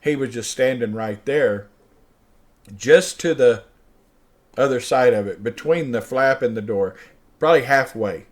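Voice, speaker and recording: Older male host telling a true story, lively and animated, voicing both sides of the conversation. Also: medium pitch, unhurried, pauses often. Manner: animated, acts out dialogue, laughs mid-sentence. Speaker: show host. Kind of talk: personal storytelling.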